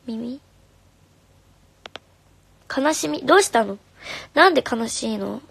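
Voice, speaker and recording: A young woman, a singer, chatting casually on a live stream, reading comments in a soft, friendly way and sometimes whispering. Her voice is slightly hoarse. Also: fairly high pitch, expressive, slow pace, no room sound. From Japan. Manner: soft and friendly, drops to whispers now and then. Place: home room. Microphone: phone.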